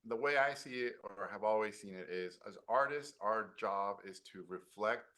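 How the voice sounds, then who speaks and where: A man in an interview talking about his work as a filmmaker, animated and telling stories, acting out the voices of others in quotes. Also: fairly low pitch, moderate pace. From Mexican family. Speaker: guest, filmmaker. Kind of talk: conversational interview.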